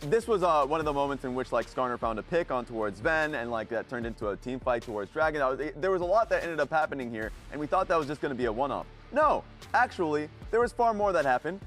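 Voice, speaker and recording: A man breaking down match footage as an esports analyst, animated and full of fillers. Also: on the high side, fast talker, few pauses, faint music behind. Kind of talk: analyst desk commentary.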